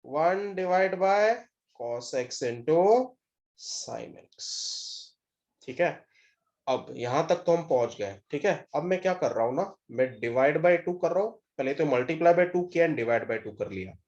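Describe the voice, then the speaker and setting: Speaking slowly but animatedly in a slightly high, darkish voice, an Indian man teaches math, repeatedly testing students with quick questions and slipping English phrases into Hindi. The lecture audio is lo-fi.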